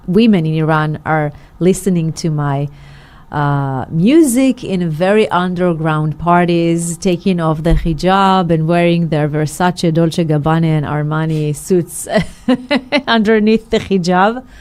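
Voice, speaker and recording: A middle-aged Israeli singer tells her story as an interview guest, speaking with many fillers and restarts. Her voice sits on the low side, slow, clean and slightly mellow.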